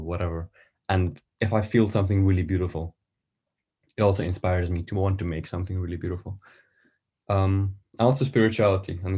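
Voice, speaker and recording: A man from Iran, an artist guest on a podcast, talking casually and thinking aloud with many pauses and fillers. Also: deep voice, darkish tone.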